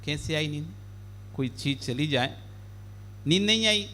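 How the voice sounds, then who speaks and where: Monk giving a sermon, playful storyteller, voice sits high and sounds bright. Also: male voice, measured pace, a little hiss or hum. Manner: animated, playful, acts out the characters. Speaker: Jain monk preaching.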